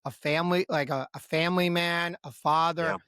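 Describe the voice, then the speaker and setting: A man's voice: on the high side, fairly even intonation, normal speed, bright, forceful tone, clear, resonant tone, no room sound, studio quality. A man co-hosting a podcast as a physician, talking in an earnest, emphatic and casual way.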